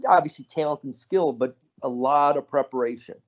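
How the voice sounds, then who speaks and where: A man co-hosting a casual podcast, telling relaxed stories with lots of "you know" and "right?". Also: medium pitch, fairly quick, highs cut off. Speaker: podcast co-host.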